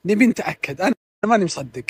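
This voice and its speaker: A man interviewing someone on the street in a teasing, lively way. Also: high voice, rapid-fire, breathy edge.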